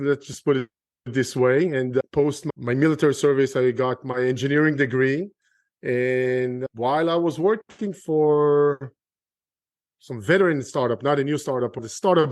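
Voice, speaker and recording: A middle-aged Israeli man with an Israeli accent appears as a guest on an interview podcast, speaking earnestly about his work as a real estate investor and frequently restarting sentences. His voice is medium-pitched and darkish, at a normal speed, in a dry recording.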